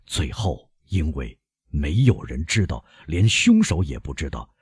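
A man reading an audiobook, voicing a stern doctor who lays out an accusation in a cold, measured way. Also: very deep voice, very animated, a little mellow, husky, dry recording, clean studio sound, pitched below the performer's own voice, heavily acted. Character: stern older male doctor, relentless accuser.

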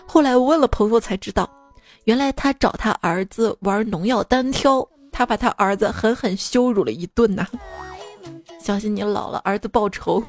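A young woman hosting a comedy podcast, reading listener jokes in a lively, casual way and laughing at them. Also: mid-range voice, normal speed, faint music behind.

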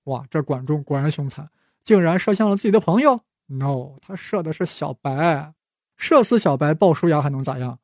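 A man narrates history in a chatty, joking way and keeps turning to the listener with asides. His voice sits a little high, and the sound is dry and close, with no room around it. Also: lively intonation, normal speed, darkish tone, dry recording. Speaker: podcast host. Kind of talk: casual history storytelling.

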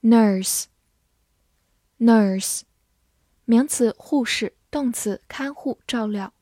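Woman, language teacher, higher-pitched voice, very deliberate over-enunciation, instructional narration, dry close sound. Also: a little mellow, dry recording. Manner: careful, over-enunciated delivery, spelling out and repeating words slowly. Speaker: English vocabulary teacher. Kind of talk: scripted instructional narration for learners.

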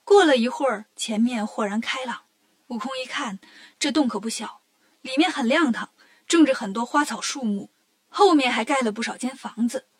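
A woman reading a children's story aloud in a lively, expressive way. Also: fairly high pitch, normal speed, no echo.

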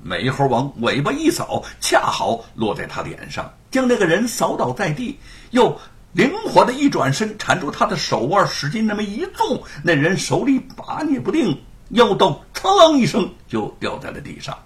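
A man performing a traditional Chinese storytelling piece, narrating in a dramatic, animated way. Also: high voice, moderate pace.

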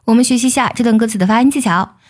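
A woman's voice: a little high, very fast. Woman English teacher, patient lyric explainer who sings demo lines. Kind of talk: song lyric lesson.

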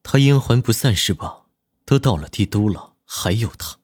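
A man playing a possessive, low-voiced lover. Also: expressive, normal speed, darkish tone. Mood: irritated. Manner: low, husky and teasing. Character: possessive jealous young man, low and intimate. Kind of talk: audiobook character voice.

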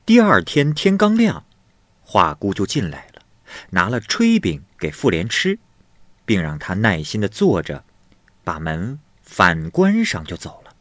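Slow, lively male storyteller. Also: lowish voice, dry recording. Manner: leisurely, expressive, does the voices of all the characters. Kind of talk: vernacular retelling of a classic ghost tale.

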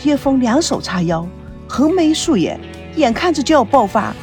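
High, lively husky woman storyteller. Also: normal speed, soft background music. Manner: expressive, animated storytelling. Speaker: narrator. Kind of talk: dramatic story reading.

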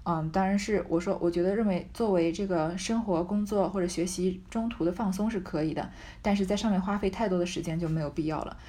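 A woman's voice: on the low side, fairly even intonation, quick pace, few pauses, mellow. Woman narrator, reads a classic novel aloud and comments as she goes, thinks aloud. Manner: musing, thinks aloud with fillers. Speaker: reader and commentator.

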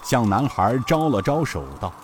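A man narrating a serialized novel as an expressive, measured storyteller. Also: mid-range voice, a little hiss or hum.

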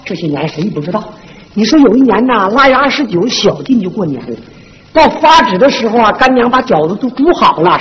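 A performer playing a sharp-tongued, bossy older village godmother in a comic folk stage duet, with a Northeastern Mandarin accent and a brash, scolding, gossipy way of telling stories. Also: medium pitch, close to an everyday voice. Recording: echoey stage, dull lo-fi sound, faint hiss.

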